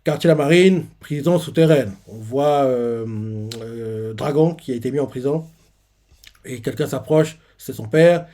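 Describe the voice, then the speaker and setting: A man's voice: mid-range voice, unhurried, mellow. A man casually retelling a comic chapter in a rambling way, with many fillers. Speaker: manga reaction youtuber.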